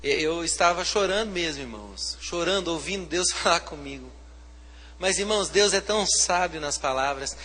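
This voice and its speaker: A man with a Brazilian Portuguese accent, a pastor preaching a sermon, swinging from hushed to loud, fervent delivery. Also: on the high side, lively intonation, moderate pace, long reverb tail.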